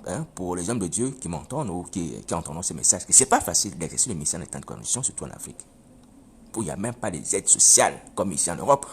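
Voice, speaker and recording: A man with a very low voice gives a spoken testimony, his pitch rising and falling in lively swings. He talks haltingly, repeating himself and checking in with listeners. Faint background noise sits behind him. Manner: halting, repeats phrases, asks listeners "you see?". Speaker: preacher giving a testimony. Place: living in Europe.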